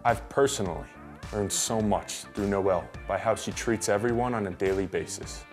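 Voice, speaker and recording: Deep-voiced male documentary narrator. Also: moderate pace, faint music behind. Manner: even, earnest voice-over. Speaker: host narrator. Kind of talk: scripted narration.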